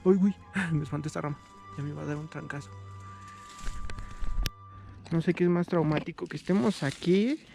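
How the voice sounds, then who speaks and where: Hombre mexicano de voz muy aguda. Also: male voice, a little high, creaky, warm tone. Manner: slangy, exclamatory, chatty. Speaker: vlogger. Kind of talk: casual outdoor night exploration vlog. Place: outdoors in a forest at night. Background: music.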